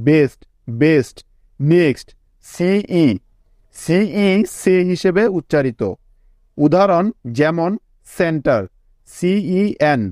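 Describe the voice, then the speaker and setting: A man's voice: fairly high pitch, darkish tone, dry recording, studio quality. Bangladeshi man spelling out English words. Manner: spells words letter by letter, repeats each word slowly; checks in with listeners often. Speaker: English teacher. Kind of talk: spelling-out phonics lesson.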